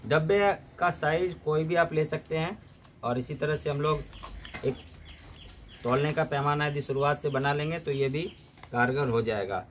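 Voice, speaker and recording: A man giving a steady, step-by-step gardening demonstration, often mixing English terms into his explanations. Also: a little high, moderate pace, a little hiss or hum. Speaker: gardening instructor.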